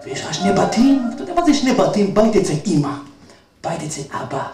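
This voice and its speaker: A man's voice: high voice, very animated. An actor on stage playing a doting, theatrical mother who coaxes her son. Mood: coaxing. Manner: fond, theatrical, pleading. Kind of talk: one-man stage comedy. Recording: echoey theater from a distance, with music.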